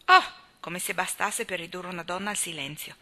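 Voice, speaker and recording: A woman's voice: mid-range voice, big pitch swings, a little fast, pushed and bright. A woman reading a teasing young husband. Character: teasing young male doctor, good-humored husband.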